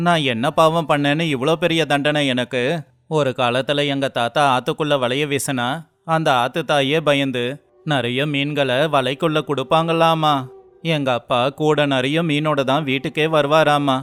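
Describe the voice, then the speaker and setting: A man's voice: fairly high pitch, fairly even intonation, normal speed, a bit bright, smooth, soft background music, lightly acted. A man playing a poor young fisherman who is despairing but kind, speaking earnestly and with feeling in a storybook tale. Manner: earnest and emotional.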